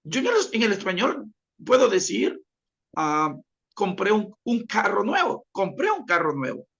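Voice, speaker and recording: A man's voice: high voice, big pitch swings, measured pace, gravelly, a bit bright. A man teaching a class, explaining by repeating his examples and speaking straight to his listeners. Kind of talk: classroom lecture.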